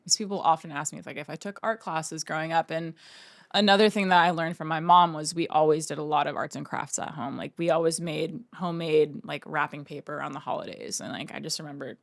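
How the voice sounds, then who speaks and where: Speaking fairly quickly with a low voice and vocal fry, this Oregon painter in her thirties rambles through family stories during a casual interview. The recording is dry, and her storytelling leans heavily on fillers.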